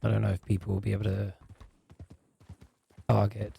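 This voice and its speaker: A man speaking in character in a roleplay game, calm, firm and matter-of-fact. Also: on the low side, normal speed, creaky, a little hiss or hum. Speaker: roleplay gamer.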